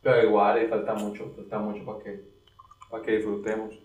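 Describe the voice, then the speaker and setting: A man's voice: lowish voice, completely flat delivery, fairly quick, narrow, tinny audio. A young man co-hosting a casual podcast chat, slangy and loose, explaining things through examples. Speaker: podcast co-host. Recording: roomy sound, mic at a distance.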